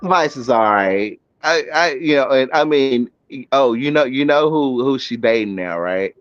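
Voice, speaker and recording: A man's voice: medium pitch, animated, unhurried, dry recording, highs cut off, faint music behind. A man in casual sports chat, talking emphatically and repeating himself for effect, on a remote call mic.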